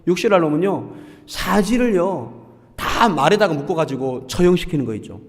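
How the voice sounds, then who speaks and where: A male pastor preaches from the pulpit with a fairly high voice that swings widely in pitch. He keeps turning to the congregation with questions. The sound rings with a long church-hall reverb. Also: normal speed. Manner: lively, asks the congregation questions and acts out quoted insults. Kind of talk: sermon. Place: church sanctuary.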